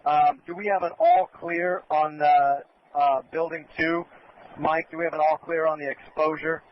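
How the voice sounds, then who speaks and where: A male fire commander gives instructions on a dull-sounding radio channel with faint noise. His voice is slightly high and stays even in tone as he directs crews in an orderly, polite way. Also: normal speed. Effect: two-way radio.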